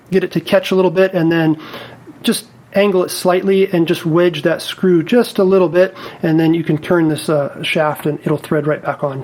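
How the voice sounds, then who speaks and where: Sounding a little mellow, a slightly high-voiced man guides listeners through a hands-on fix as a technician would in a tutorial. His explanations are careful and methodical, yet relaxed and unscripted.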